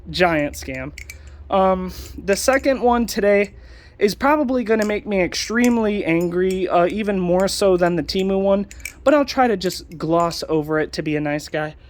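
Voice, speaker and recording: A man's voice: high-pitched, slight background noise. Young guy ranting on his channel, sarcastic, lots of ums. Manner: ranting, sarcastic, many fillers. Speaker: channel host. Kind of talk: casual commentary vlog.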